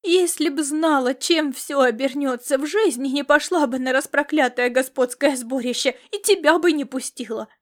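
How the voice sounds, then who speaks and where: Woman voicing a bossy peasant mother, loud, high-pitched, scolding, folksy audiobook voice. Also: moderate pace, hardly any pauses, close to an everyday voice. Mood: loud lamenting. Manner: scolding, exclaiming, folksy speech. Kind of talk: audiobook character reading.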